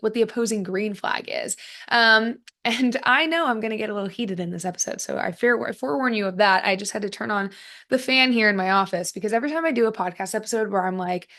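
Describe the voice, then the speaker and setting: A woman's voice: mid-range voice, a bit bright. A young woman hosting her own podcast, talking casually and animatedly with lots of fillers, from her home office. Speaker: podcast host. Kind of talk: casual solo podcast talk. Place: home office with a fan running.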